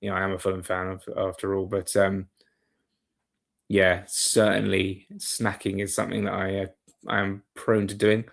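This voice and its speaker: A man's voice: deep voice, completely flat delivery, moderate pace, creaky. A man hosting a live football watchalong, giving chatty, rambling play-by-play with asides to his viewers. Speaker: watchalong host. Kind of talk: live match commentary and chat.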